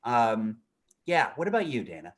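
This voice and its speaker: A man's voice: medium pitch, wildly swooping pitch, moderate pace. A man co-hosting a comedy show, speaking in a hesitant, mock-earnest way and repeating words.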